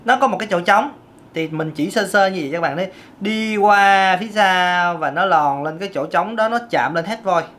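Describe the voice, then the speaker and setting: A woman's voice: on the low side, moderate pace, a bit bright. A woman, a vocal coach giving a casual singing lesson and breaking off to demonstrate vocal sounds.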